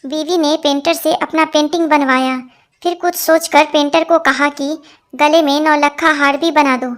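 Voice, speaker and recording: A woman with a high voice reads a run of short jokes aloud. She slips into the quoted lines as she goes, keeping a quick joke-telling pace. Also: fairly even intonation, a bit bright. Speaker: joke narrator.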